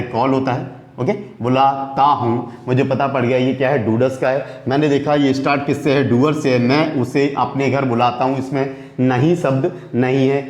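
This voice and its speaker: A man gives a Hindi-language English grammar lesson at a mid pitch. He often asks a question and answers it himself, going back over each point slowly. His voice echoes around a bare room.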